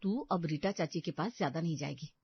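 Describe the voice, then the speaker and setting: A woman voicing a nosy, quick-tempered elder sister-in-law in an animated story, pushy and sharp-tongued. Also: low voice, breathy edge, no echo, voice pushed down, heavily acted. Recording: dull lo-fi dry recording.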